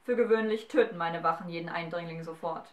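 Eine Frau spricht einen stolzen, befehlsgewohnten Feuerriesen mit drohendem Ton. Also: female voice, lowish voice, a little fast, echoey room, recorded from a distance, close to an everyday voice. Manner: commanding, menacing. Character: fiery male giant ruler, proud and threatening.

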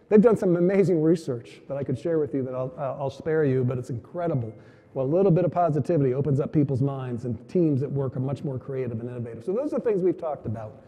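Guy giving a keynote speech, kinda high but mellow voice, acts out the dialogue, big echoey hall. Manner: storytelling with emphatic punches and quoted dialogue. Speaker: keynote speaker. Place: large conference hall. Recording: long hall reverb from a venue PA.

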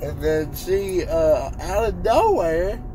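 Slow, mellow and pitched high with lively intonation, this fifteen-year-old's voice rambles on insistently in casual, unfiltered chat. He's groggy and loopy from wisdom teeth surgery, repeating himself in a noisy car.

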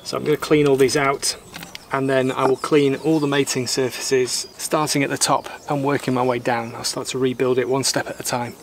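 A man in his thirties calmly explaining, step by step, how he repairs a boat part outdoors. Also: mid-range voice, moderate pace, few pauses, background noise. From Britain. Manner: calm, methodical, plain-spoken, mildly opinionated. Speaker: sailor doing boat repairs. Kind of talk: explaining repair steps while working. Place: outdoors in a garden workshop.

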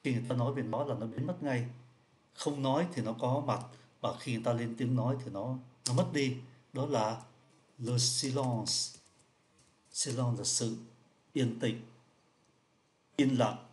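A man's voice: medium pitch, a little mellow. Patient man explaining French riddles. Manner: patient, repeats each point, slows down for French words. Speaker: French teacher.

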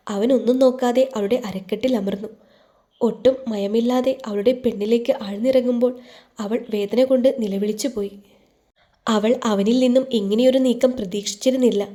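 A woman narrating a romance audio story in a calm, even, intimate way as a scripted voice-over. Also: fairly high pitch.

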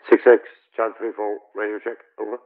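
A man on a tinny helmet radio, using military radio procedure in an online tank game, halting with many fillers between phrases. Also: on the low side, monotone. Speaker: tank crew player handling comms. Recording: narrow phone-like radio sound.

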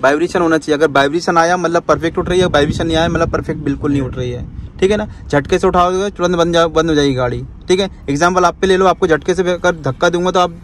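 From the passenger seat of a car on the road, a high-voiced man teaches driving, repeating every instruction and checking in with a quick "okay" afterward, tagging lines with "ठीक है". His manner is instructive, and the faint hum of the car and street lies behind his voice.

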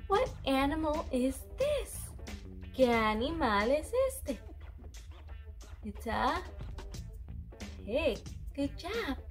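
A woman's voice: high-pitched, very animated, extremely slow, long pauses, faint music behind. A woman in her thirties giving a simple children's language lesson, encouraging as if talking to a toddler. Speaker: bilingual teacher for toddlers. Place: small room indoors.

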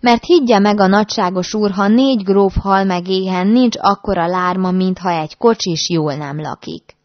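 A woman's voice: mid-range voice, no room sound, natural voice. A woman voicing a sturdy, outspoken female cook who talks bluntly. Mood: insistent. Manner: blunt, insistent. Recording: dull dry recording.

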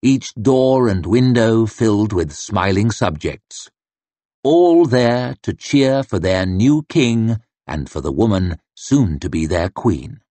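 A man narrating a fantasy novel in a measured, expressive storytelling manner. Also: lowish voice, no echo. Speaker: audiobook narrator. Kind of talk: scripted narration.

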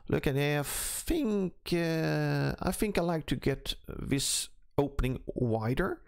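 Gravelly man explaining software step by step. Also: fairly high pitch, slow. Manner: relaxed step-by-step explaining while clicking. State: slightly rough morning voice. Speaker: CAD instructor. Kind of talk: screen-recorded software tutorial.

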